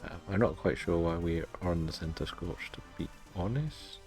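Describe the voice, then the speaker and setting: A man with a distinctly low voice talks casually through a game on his stream. He is low-key and a little self-deprecating, chatting to viewers as he goes. Faint music plays behind him. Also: moderate pace, a little mellow. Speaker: live-streaming gamer.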